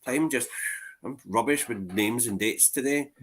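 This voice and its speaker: A man's voice: mid-range voice, normal speed, over a noisy crowd. A man with a Glaswegian accent, chatting casually about films as a YouTuber on a panel. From Glasgow, Scotland. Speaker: YouTuber on a film discussion panel. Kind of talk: casual film chat.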